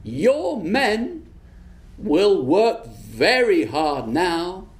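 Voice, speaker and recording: A storyteller voicing an old witch in a high, quick voice with breathy exclamations. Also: animated, a little mellow, reverberant. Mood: calm, knowing. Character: old female witch, calm, knowing, delighted. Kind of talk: oral storytelling.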